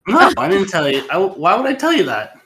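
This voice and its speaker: A man's voice: sits high, huge pitch swings, brisk, a bit bright. A young man co-hosting a podcast in casual chat, congested from a cold, eager and jokey. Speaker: podcast co-host.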